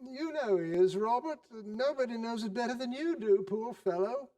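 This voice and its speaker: A man voicing an indignant, sharp-tongued wife in a storybook reading, with emphatic scolding delivery. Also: very high-pitched, expressive, normal speed, pitched above the performer's own voice.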